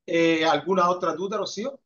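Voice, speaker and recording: This man's fairly bright, high voice moves at a fairly quick clip as he runs an Italian lesson by video call. He is patient and encouraging, answering questions during the online Q&A and repeating his praise often, though the call audio is muffled.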